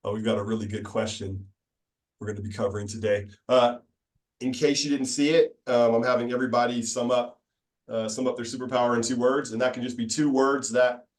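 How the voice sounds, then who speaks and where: A man's voice: mid-range voice, fairly even intonation, normal speed, far from the mic. A man hosting a casual online meeting, upbeat and joking, laughing easily between remarks. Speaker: meeting host. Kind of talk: casual video call chat. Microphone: video call.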